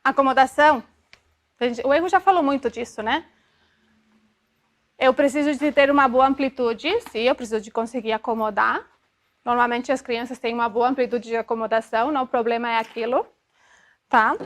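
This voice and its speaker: High-voiced woman lecturing a class. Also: fairly even intonation, fairly quick, long pauses. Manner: explanatory, checks in with frequent tag questions; demonstrative, sounds out syllables to illustrate. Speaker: optometry lecturer.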